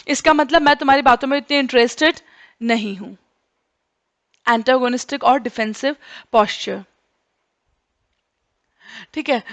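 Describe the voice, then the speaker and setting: A woman's voice: high voice, a bit bright. A young woman teacher giving a lecture, explaining with spoken examples and often checking in with "right?". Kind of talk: Hindi-English mixed classroom lecture.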